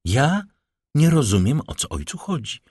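A man's voice: medium pitch, sing-song, normal speed, a little mellow, breathy edge, no echo, clean studio sound, voice pushed up. A man voicing a proud, scornful young woman who defies her father, in an audiobook reading. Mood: feigned innocence. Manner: cold, haughty, defiant.

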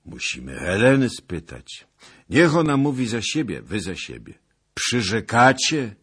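A man reading an audiobook voices a fierce male Cossack chieftain with a husky, threatening, commanding voice. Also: on the low side, very animated, a little slow, a bit bright, voice pushed up, exaggerated voice. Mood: menacing.

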